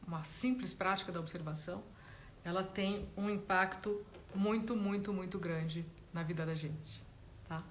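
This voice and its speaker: A woman, a meditation teacher giving a gentle, explanatory live talk and often tagging her sentences with a question. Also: medium pitch, a little hiss or hum. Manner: gentle, explanatory, frequent "né?" tags.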